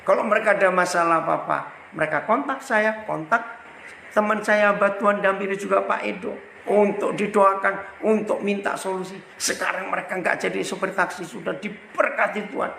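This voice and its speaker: A man's voice: high voice, normal speed, gravelly. A middle-aged man from Indonesia, a pastor preaching a sermon and telling stories with exclamations as he speaks straight to the congregation. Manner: animated, exclamatory, addresses congregation directly. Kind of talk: sermon storytelling. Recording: echoey hall with faint noise.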